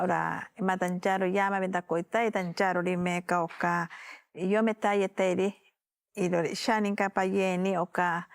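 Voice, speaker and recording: A woman hosting a broadcast interview, talking steadily and conversationally. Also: medium pitch. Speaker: TV program host.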